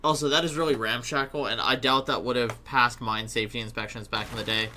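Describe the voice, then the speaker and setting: A woman streaming a game with friends, loud and swearing freely in casual chat. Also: very deep voice, steady tone, quick pace, a little hiss or hum.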